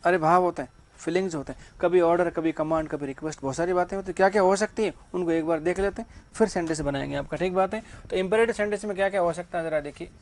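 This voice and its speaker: Man, high voice, classroom teacher, asks and answers his own questions. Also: very fast. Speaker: English teacher. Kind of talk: classroom grammar lesson.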